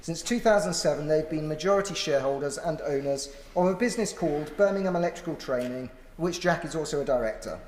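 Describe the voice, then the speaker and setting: A man's voice: on the high side, darkish tone, a little hiss or hum. A British man, an opposition member of parliament, gives a formal debate speech in an earnest, emphatic, argumentative way. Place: large indoor parliamentary chamber. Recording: roomy echoing debating chamber.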